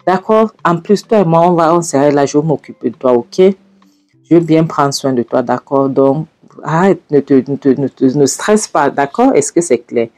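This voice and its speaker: Woman playing a coaxing, smooth-talking boyfriend. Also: low-pitched, animated, moderate pace, darkish tone, dry recording, soft background music. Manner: soothing, coaxing, repetitive "d'accord?".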